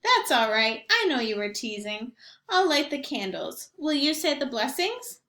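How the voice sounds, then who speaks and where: A woman's voice: sits high, sing-song, a little slow, sharp tone, roomy sound, full character voice. Woman playing a fussing, kindly old grandmother. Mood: fond. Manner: fond, fussing and sing-song. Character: kindly old woman, half blind and half deaf, chatty.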